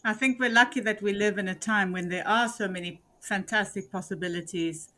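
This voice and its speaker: A woman's voice: mid-range voice, brisk, sharp tone. Woman podcast host asking questions. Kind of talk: podcast interview.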